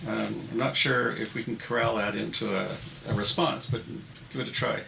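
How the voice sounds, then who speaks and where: A male interviewer with a very gravelly, bright voice feels his way through a long question, hedging and rephrasing as he goes. The room rings around him. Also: fairly low pitch, steady tone. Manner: halting, tentative phrasing. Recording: roomy echo, faint noise.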